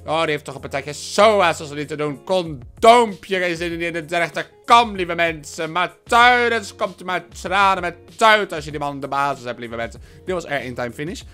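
A slightly high-voiced young man from the Netherlands talks his viewers through his football game in loose, chatty commentary and shouts when something big happens. He mentions that he has a headache. Faint game music plays underneath. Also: brisk, hardly any pauses, clear, resonant tone. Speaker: gaming video host. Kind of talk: casual gameplay commentary.

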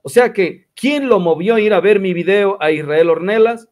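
A man with a fairly high voice talks in a combative, mocking way. He argues his side of a religious quarrel and mimics his rivals along the way. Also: moderate pace. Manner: combative, mocking, quotes others in exaggerated voices. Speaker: commentator replying to critics. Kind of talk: religious commentary video.

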